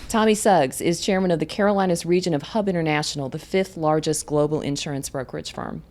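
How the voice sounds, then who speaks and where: This community podcast host speaks quickly in a deep, darkish voice. She introduces her guests by reading their bios, then keeps the interview friendly with warm questions.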